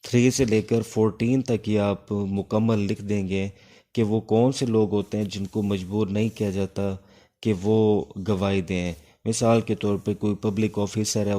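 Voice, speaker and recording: A Pakistani man with a warm, lowish voice gives an exam-focused law lecture, explaining and dictating as he goes. He is instructive, repeats key points, and switches between Urdu and English.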